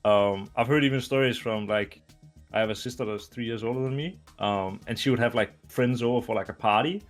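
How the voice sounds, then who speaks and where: A man in his twenties from Denmark, a retired esports player answering interview questions in a relaxed, rambling way with many fillers. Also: medium pitch, fairly quick, faint music behind. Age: 20s. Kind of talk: casual video interview.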